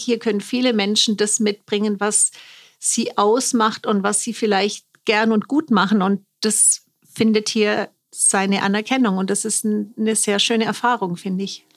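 Middle-aged woman, interview guest, thoughtful, warm, hesitant, medium pitch. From Germany. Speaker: volunteer hospice worker and music therapist.

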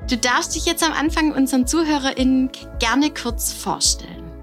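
A woman hosting a podcast interview, asking questions in a calm, measured way. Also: high-pitched, faint music behind. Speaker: podcast host and education officer at a hospice academy.

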